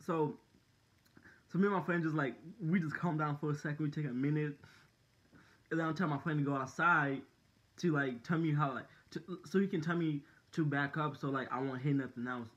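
A man's voice: on the high side, steady tone, brisk, a bit bright, dull audio. A young man vlogging, telling a story in a casual, rambling way, full of fillers and slang.

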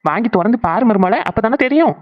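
A woman's voice: fairly high pitch, quick pace, close to an everyday voice. Woman doing a teasing young cartoon relative. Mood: bossy. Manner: teasing, lively. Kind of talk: cartoon voice acting. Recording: slightly dull sound.

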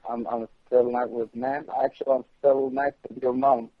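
Husky man swearing over a dull phone line. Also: mid-range voice, flat delivery, moderate pace, no echo. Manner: curt broken English, swears heavily. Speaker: prank call target. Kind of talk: phone call.

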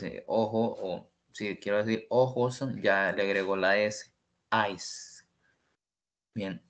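Guy teaching english online, takes it real slow, says each word again and again. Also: medium pitch. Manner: patient, repeats each word several times. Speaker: English tutor.

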